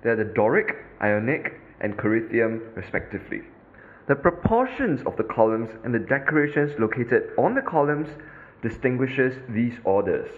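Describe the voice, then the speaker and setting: A man with a Singaporean English accent acts as a podcast host narrating a scripted audio tour, instructive and lively with the occasional filler. His voice is medium in pitch at a normal speed, and the sound is phone quality.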